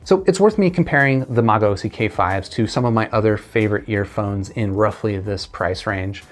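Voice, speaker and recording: A man with a lowish voice talks through a product review in a loose, conversational way. He trails off, restarts and corrects himself often, leaning on fillers. Faint music sits in the background. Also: normal speed. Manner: rambling, self-correcting, lots of fillers. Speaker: earphone reviewer. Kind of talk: casual spoken product review.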